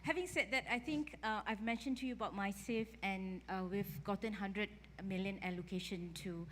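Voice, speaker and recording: A woman's voice: mid-range voice, normal speed, a bit bright. A woman from a public body speaking on a panel, hesitant and often repeating words. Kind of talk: panel discussion. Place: conference hall. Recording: long reverb in a conference hall.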